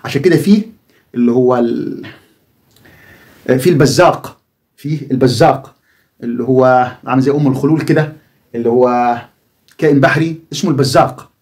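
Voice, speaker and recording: A man's voice: medium pitch, fast, darkish tone. A man with an Egyptian Arabic accent teaching a lesson, asking the viewer questions and answering them himself. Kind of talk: explanatory video lesson.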